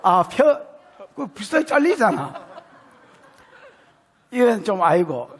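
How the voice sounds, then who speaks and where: A male pastor with a Gyeongsang Korean accent preaching an expository sermon at a church service, animated and folksy, often acting out scenes. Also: high-pitched, slow pace, slightly rough.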